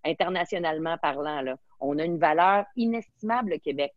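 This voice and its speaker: A woman's voice: low-pitched, brisk, no room sound, muffled recording. A woman from Quebec with a Québécois French accent, speaking enthusiastically as a guest in a webinar interview and mixing in English words.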